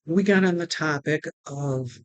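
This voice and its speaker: A woman vlogger telling her personal story to camera, halting, with restarts, and retelling conversations line by line. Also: low-pitched, dry recording, muffled recording. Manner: retells conversations with "she goes" and "I'm like".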